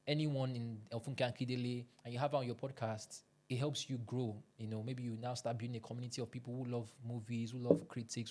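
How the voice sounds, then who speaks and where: A man's voice: mid-range voice, dark tone. A man giving earnest, instructive advice to camera from a podcast studio, speaking into a studio microphone, now and then pushing out an emphatic line. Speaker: podcast coach.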